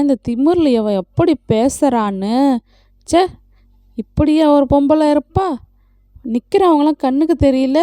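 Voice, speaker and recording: A woman's voice: high voice, warm tone, dry recording, studio quality. A woman voicing an indignant woman in a queue who scolds someone for cutting in, in a doll play. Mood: grumbling. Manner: scolding, nagging.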